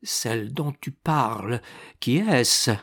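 A man reading an audiobook and voicing an old pope who is fearful and gruff, with an anxious, stammering way of talking. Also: mid-range voice, lively intonation, takes it slowly, a bit bright, full character voice.

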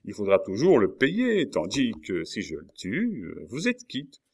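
A man's voice: fairly low pitch, wildly swooping pitch, a little slow, slightly rough, voice pushed up, heavily acted. A man voicing a scheming, greedy, cowardly male innkeeper with a sly manner. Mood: sly eager.

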